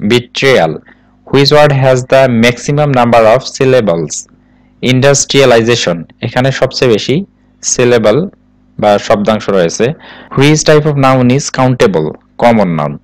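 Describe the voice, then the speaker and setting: A man with a Bangladeshi accent, working through exam questions and answers in a steady recitation, explaining them as a tutor. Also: mid-range voice, no room sound, low-quality recording. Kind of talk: reading quiz answers aloud.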